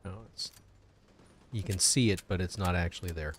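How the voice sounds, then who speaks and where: A man's voice: low-pitched, normal speed, slight background noise. A man giving casual gameplay commentary as a live streamer.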